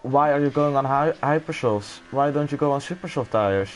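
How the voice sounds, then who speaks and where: A man with a Dutch accent calls a live sim racing event, exclaiming and laughing whenever the moves get close. His voice is medium in pitch and normal in speed, with a little noise in the background. It's live esports race commentary.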